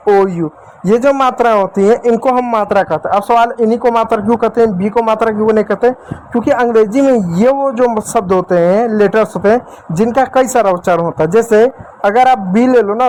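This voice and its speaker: A man's voice: high voice, darkish tone, slight background noise, poor audio. A man teaching a lesson at a board, repeating each point and quizzing his students with questions. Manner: addresses listeners as dear children and friends.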